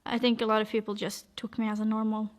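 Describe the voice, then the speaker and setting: A woman's voice: on the high side, completely flat delivery, fast. Hesitant young woman telling her story. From Norway. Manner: hesitant, many fillers and restarts. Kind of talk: personal testimony, casual.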